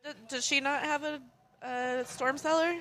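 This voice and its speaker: A woman's voice: sits high, fairly even intonation, normal speed, bright, forceful tone. A woman co-hosting a casual movie podcast, chatty and giggly, poking fun at herself. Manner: chatty, giggly, self-mocking. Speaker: podcast co-host. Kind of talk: casual movie-watching chat.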